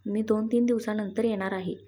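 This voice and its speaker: Woman reading as a sulky young bride, stubborn and shy, soft husky voice. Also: mid-range voice, fairly even intonation, fairly quick, lightly acted. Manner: sulky and pleading.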